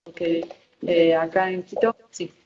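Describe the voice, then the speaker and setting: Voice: medium pitch, normal speed, slight background noise. A webinar moderator interpreting the presentation, speaking with frequent hesitant fillers. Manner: flat delivery with frequent "eh" fillers. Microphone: video call. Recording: echoey, muffled call from far off.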